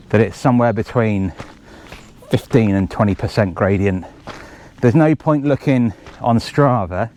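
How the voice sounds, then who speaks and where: A man's voice: on the low side, a little mellow, a little hiss or hum. A man organising a race, chatting casually and out of breath as he runs a forest trail, rambling with jokey asides. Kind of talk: casual running commentary.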